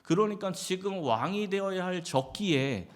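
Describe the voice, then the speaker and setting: A man's voice: high-pitched, expressive, moderate pace. A male pastor giving a Sunday sermon in a conversational way, asking the congregation questions and acting out short quotes. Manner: conversational preaching with acted quotes and rhetorical questions.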